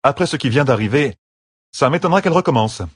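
A man's voice: mid-range voice, lively intonation, fast talker, slightly rough, dry recording, clean studio sound, pitched above the performer's own voice. A man doing a brash young gambler. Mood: wry. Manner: brash, sardonic retorts. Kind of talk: audiobook character voice.

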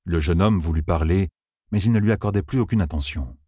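A man reading a fantasy novel aloud as narrator, in steady, expressive storytelling. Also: deep voice, brisk, slightly rough, dry recording, clean studio sound. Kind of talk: audiobook reading.

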